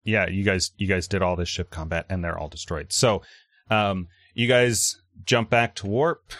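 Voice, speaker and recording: A man running a tabletop role-playing game, narrating the action in a halting, improvised way. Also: low-pitched, fairly bright tone, no room sound. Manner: halting, hesitant delivery. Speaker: game master.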